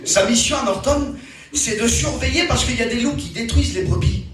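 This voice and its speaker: Animated man preaching in an echoey hall. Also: extremely high pitch, fairly quick, faint music behind. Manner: animated storytelling, voice rising and falling. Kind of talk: testimony sermon. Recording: very echoey room, from far off.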